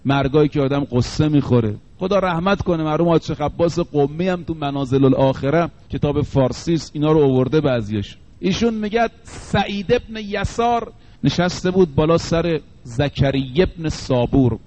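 Guy giving a sermon, kinda high voice, slows way down on quotes, muffled radio sound. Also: lively intonation, a little mellow. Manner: slows down to stress quoted sayings. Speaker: cleric.

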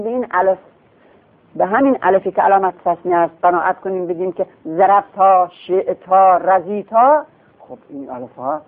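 A man's voice: on the high side, creaky. A man teaching a grammar class, explaining step by step and asking and answering his own questions. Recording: tinny phone-like sound.

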